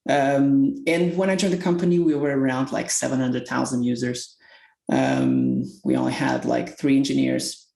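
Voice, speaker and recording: A man talks as an interview guest, earnestly hunting for the right English words. His voice is gravelly with a creaky edge. The room around him rings with noticeable echo. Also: mid-range voice, expressive, moderate pace, a little mellow. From Portugal. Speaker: tech company executive guest. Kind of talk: podcast interview. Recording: roomy echoey sound.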